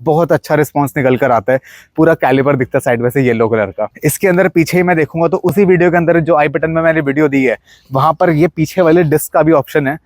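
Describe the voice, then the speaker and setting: A young man with an Indian accent talks fast in a fairly high voice, recorded with no room sound. He gives a casual, chatty walkaround of his modified car, pointing out features and switching between Hindi and English.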